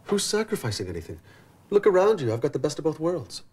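A man's voice: a little high, sing-song, fast, darkish tone, slightly rough. A flustered young man. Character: young adult man, awkward ad worker. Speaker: actor. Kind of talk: film dialogue.

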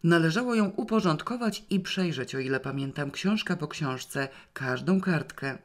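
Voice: medium pitch, lively intonation, moderate pace, close to an everyday voice. A stern elderly grandmother, sarcastic and bossy, as a reader puts her on. She speaks curtly, with open scorn, in an audiobook reading. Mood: scornful. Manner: curt, scornful, commanding.

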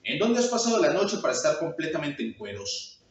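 A man's voice: fairly high pitch, big pitch swings, fairly quick. A man reading as gossiping mocking townsfolk. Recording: very echoey room, mic far off.

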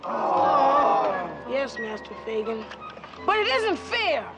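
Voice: sits high, big pitch swings, takes it slowly, over a noisy crowd, full character voice. A young performer playing a pleading, respectful scavenger boy in a 1970s TV adventure drama. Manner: pleading, plaintive. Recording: loud music under dated TV soundtrack.

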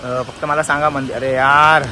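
A man vlogging outdoors in a village in the rain, talking chattily and excitedly to his viewers and calling out to family members. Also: mid-range voice, normal speed, poor audio. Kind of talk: casual vlog narration to viewers. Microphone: handheld phone. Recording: loud rain noise outdoors.

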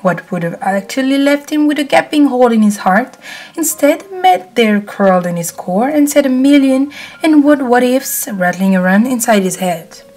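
A woman reading fanfiction aloud as storybook narration, at a calm, steady pace. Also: fairly high pitch, moderate pace. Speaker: fanfiction reader.

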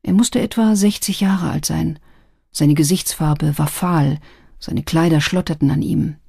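Husky low-voiced woman narrator. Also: warm tone, no echo. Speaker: audiobook narrator. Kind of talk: scripted narration. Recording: dry close studio sound.

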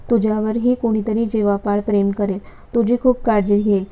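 A woman voicing a kind, gentle middle-aged man who soothes his niece in a read-aloud story. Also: mid-range voice, moderate pace, lightly acted. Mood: soothing. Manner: calm, soothing, protective.

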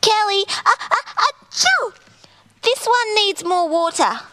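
Chats, a squeaky cheeky puppet critter. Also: female voice, sing-song, measured pace, bright, forceful tone, a little hiss or hum, heavily acted. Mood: playful. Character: cheeky little female puppet creature, sneezy. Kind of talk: children's TV puppet acting.

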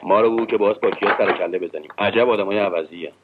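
A man's voice: on the low side, very noisy, close to an everyday voice. A man playing a teasing young bank manager. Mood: playful. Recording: tinny old film soundtrack with music.

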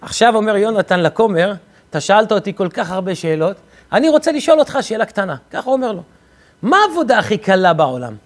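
Male rabbi, high register, lively storyteller who voices the characters in his stories. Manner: lively storyteller, acts out dialogue with shifts of pitch. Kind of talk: Torah lesson with jokes and stories.

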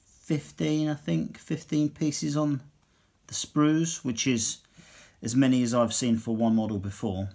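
A man's voice: mid-range voice, level tone, measured pace, vocal fry, dark tone. A man casually reviewing a hobby magazine, reading passages aloud and adding dry asides. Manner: chatty, dry asides, reads text then comments.

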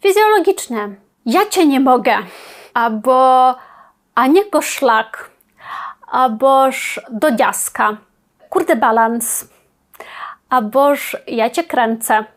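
A woman with a slightly high voice teaches a language lesson. She says each example phrase slowly and deliberately. Then she drops to a softer, quieter tone to explain what it means. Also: animated. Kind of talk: explaining Polish phrases in Ukrainian.

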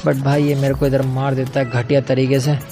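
A young man talks through a shooter game in a relaxed, chatty way, peppering his lines with slang and friendly asides to his viewers. His voice sits at an ordinary middle pitch, with faint game music and gunshots underneath. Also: moderate pace. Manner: chatty, slangy, keeps calling viewers brother. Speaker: gaming channel host. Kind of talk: casual gameplay commentary.

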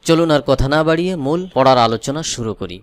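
A man teaching Quran reading letter by letter, explaining in a calm steady voice with slow chanted recitations between. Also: mid-range voice, no echo. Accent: Bangladeshi Bengali. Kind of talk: spelling-out Quran recitation lesson.

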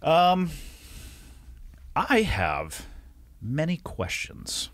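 A man's voice: on the high side, drawn-out words, no room sound. Guy hosting a podcast, voice bounces up and down a lot, dry close studio sound, curses casually. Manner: swears casually, lively delivery. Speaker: podcast host. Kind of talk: casual interview chat. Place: small studio with curtained walls. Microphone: studio mic on boom arm, headphones.

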